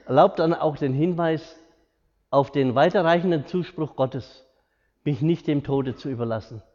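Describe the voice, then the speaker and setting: Speaking in a medium-pitched, slightly mellow voice, this middle-aged man shares personal stories from his hospital job in an informal talk, acting out the lines people said in an earnest, homely way. The recording is lo-fi and dull, with the echo of a large hall.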